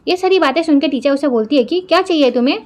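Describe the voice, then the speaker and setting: A woman with a Hindi accent recapping a television drama in a lively, casual storytelling way. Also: sits high, fast talker. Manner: lively, acts out the characters' quoted lines.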